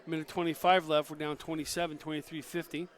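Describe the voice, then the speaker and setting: A fairly high-voiced man calls a local girls' basketball game. He talks like a fan in the booth, telling the players to push the ball and stop the girl with the ball. His voice sits a bit above most men's. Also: flat delivery, fast. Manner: partisan, coaching the players from the booth. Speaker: color commentator.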